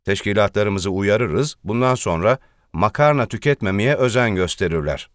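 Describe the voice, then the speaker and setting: A man's voice: on the low side, lively intonation, normal speed, no room sound, clean studio sound, natural voice. A man voicing an anxious male party deputy in a read-aloud satirical column, pleading and earnest. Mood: eager.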